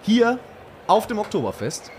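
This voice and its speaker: A man runs a live podcast game, announcing tasks and rules with a fairly high, very animated voice. Heavy crowd noise from the surrounding beer tent fills the background. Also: unhurried. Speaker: podcast co-host running the games.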